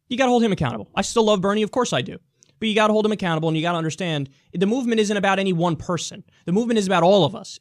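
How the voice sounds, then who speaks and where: Fast, high-voiced ranting male commentator. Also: no room sound, studio quality. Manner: heated, emphatic, blunt and profane. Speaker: political commentary show host. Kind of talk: solo political commentary rant.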